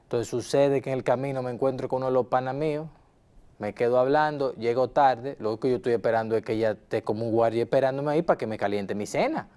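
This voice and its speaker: A man's voice: mid-range voice, quick pace, darkish tone, smooth, close to an everyday voice. A man playing an insistent hot-tempered husband. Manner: insistent, repeats himself, addresses counselor formally. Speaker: counseling client. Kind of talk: role-played counseling session.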